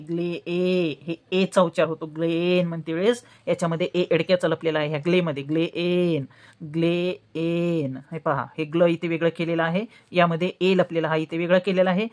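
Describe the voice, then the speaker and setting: Woman teaching spelling, slow and repetitive. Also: lowish voice. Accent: Marathi. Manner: slow, repeats words syllable by syllable. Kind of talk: spelling lesson, explaining.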